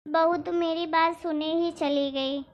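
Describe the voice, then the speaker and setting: A kind, hardworking mother-in-law from a cartoon, voiced by a woman, talking in a gentle, patient, pleading way. The voice sits very high. The recording sounds dull and lo-fi. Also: fairly even intonation, measured pace. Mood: hurt. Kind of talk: cartoon voice acting.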